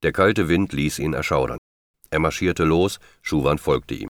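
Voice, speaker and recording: A man reading a novel aloud in steady, measured narration. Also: extremely low pitch, no room sound, clean studio sound. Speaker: audiobook narrator. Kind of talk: scripted narration.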